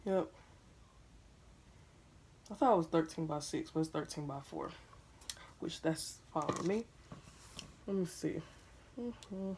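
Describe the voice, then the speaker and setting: A woman's voice: low-pitched, animated, slow pace, pauses often, darkish tone, a little hiss or hum. A young woman chatting casually to her viewers while unboxing a wig at home, talking around a piece of gum. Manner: chatty, addresses viewers as "y'all", chewing gum. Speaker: beauty vlogger.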